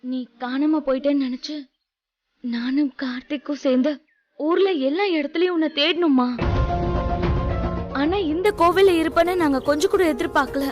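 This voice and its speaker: An actress playing an apologetic, tearful young daughter in a TV serial. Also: female voice, sits high, moderate pace, long pauses, lightly acted. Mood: worried. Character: remorseful young woman, worried daughter. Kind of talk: Tamil TV serial acting. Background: soap opera music score.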